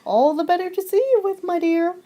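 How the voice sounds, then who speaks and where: A woman's voice: extremely high pitch, fairly even intonation, fairly quick, dark tone, voice pushed up. A young woman voicing a sly wolf disguised as grandma, drawing the lines out in a mock-sweet way.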